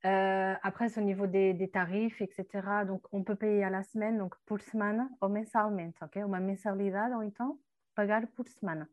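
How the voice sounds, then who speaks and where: Woman teacher chatting through a vocab list, lots of ums, mid pitch voice. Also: fairly even intonation, a little fast, dull audio. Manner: chatty, many hesitations, mixes in foreign words. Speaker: language teacher. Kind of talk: explaining vocabulary on a radio show.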